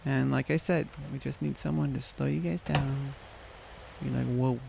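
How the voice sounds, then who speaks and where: Gravelly-voiced woman co-hosting a podcast. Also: extremely low pitch, steady tone, normal speed, mellow, a little hiss or hum, rough recording. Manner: laughs easily, self-deprecating. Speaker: podcast co-host. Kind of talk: casual chat.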